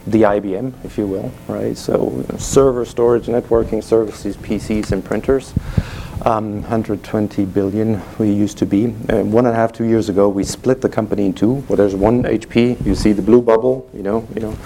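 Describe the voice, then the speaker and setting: A middle-aged German sales executive with a German accent speaks casually onstage as a guest speaker before a live audience in an event room, using lots of "you know." His voice is lowish, warm, and creaky, with a steady tone and moderate pace, over slight background noise.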